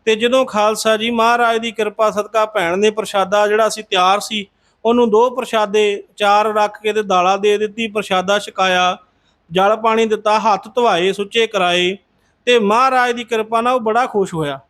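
Male devotional storyteller, very high pitch for a man, conversational retelling, addresses listeners respectfully. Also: fairly even intonation, normal speed, fairly bright tone. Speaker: Sikh religious storyteller.

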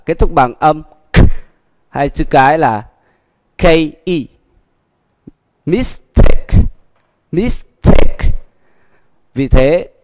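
A man with a Vietnamese accent teaching English pronunciation in a livestream lesson, drilling words slowly and repeating them with many fillers. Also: on the high side, a little mellow, big-room sound.

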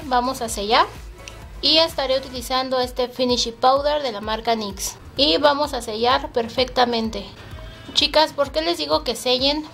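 A woman's voice: sits high, fairly bright tone. A woman with a Mexican accent hosting a makeup tutorial, talking chattily to her viewers step by step. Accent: Mexican Spanish. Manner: chatty, addresses viewers as girls.

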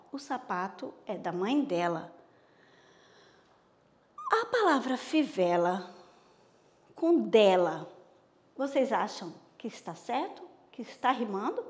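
A woman primary school teacher with a Bahian accent, giving a slow, patient recorded lesson and checking in with her pupils often. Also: on the high side, big-room sound. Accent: Bahian Brazilian Portuguese.

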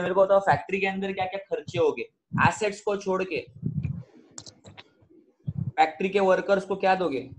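Man, high voice, accounts teacher, quizzing students, noisy recording, keyboard clicks. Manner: switches between Hindi, Marathi and English, questions students often. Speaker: commerce teacher. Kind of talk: online accounts lecture.

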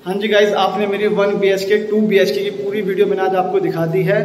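Filming on a phone held out at arm's length, a thirtysomething property vlogger walks through a new apartment building and points things out in a casual way. His high-pitched, darkish voice is brisk and flat, and the poor audio carries slight background noise.

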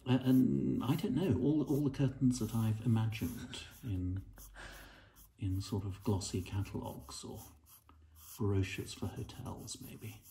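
A middle-aged man chatting gently and encouragingly as he draws together with his daughter. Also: fairly low pitch, fairly even intonation, a little slow, vocal fry, slight background noise. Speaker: artist and co-host. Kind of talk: casual chat while drawing.

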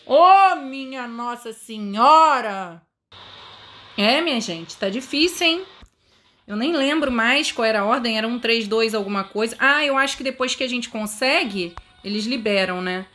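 A woman with a Brazilian Portuguese accent giving excitable let's-play commentary, full of dramatic exclamations and asides to her viewers. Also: a little high, normal speed. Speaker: gaming video creator.

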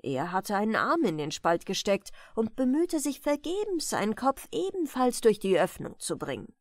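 A woman reading a bedtime story aloud as an audiobook narrator, calm, unhurried and expressive. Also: a little high, no room sound, clean studio sound. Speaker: audiobook reader.

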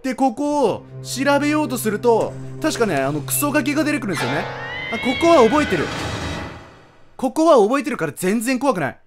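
怖がりながら実況する男性ゲーム実況者. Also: male voice, very high-pitched, very animated, fairly quick, over music. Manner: jumpy, yelps and shouts at scares, talks to the screen. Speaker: game streamer. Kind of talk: horror game let's play commentary.

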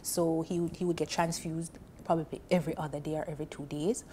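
With a deep voice and a fast pace, a Jamaican woman in her thirties recounts something personal as a guest on a TV panel. She is earnest and emotional and talks with her hands. A lapel mic captures her on a sofa in an indoor studio set, with a little background noise.

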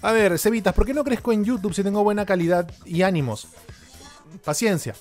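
A chatty man with a Peruvian Spanish accent hosts a live tech Q&A and answers viewer questions. His voice sits a little high for a man, and he talks in an animated way with lots of asides to viewers. He speaks into a close desk microphone, with faint music playing underneath. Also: a little fast. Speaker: tech YouTuber and journalist hosting a live Q&A. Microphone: desk studio microphone.

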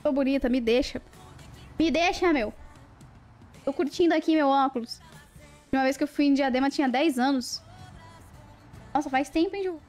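A young woman with a high, bright-pitched voice chats playfully on a livestream, greeting viewers by name. Faint music plays quietly behind her. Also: moderate pace, pauses often. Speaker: live streamer. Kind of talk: casual livestream chat with viewers.

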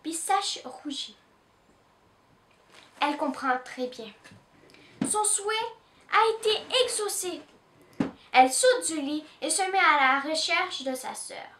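Woman from Canada, storybook read-aloud, expressive, slow, high bright voice, roomy echo. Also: slight background noise. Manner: expressive, with small restarts. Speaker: children's book reader. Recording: roomy echo, distant mic.

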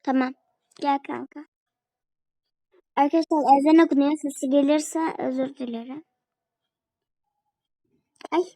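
A woman's voice: high-pitched, steady tone, a little slow, pauses often, mellow, no room sound, low-quality recording. A young woman giving casual commentary on a phone game, chatting to her viewers and a friend as she plays. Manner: chatty, talks to viewers and a friend while playing. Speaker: gaming video creator.

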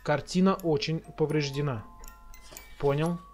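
A man's voice: on the high side, fairly even intonation, unhurried, a little mellow, soft background music. A man giving casual commentary on a horror game playthrough as a scared, jumpy streamer who mutters and swears as he reacts.

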